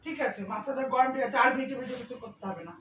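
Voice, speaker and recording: A woman's voice: sits high, very fast, a bit bright, reverberant, recorded from a distance, a little hiss or hum. A woman with a Bengali accent, a mother scolding the couple and soothing the crying wife, repeating her orders. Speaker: mother in the household. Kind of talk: domestic argument, scolding.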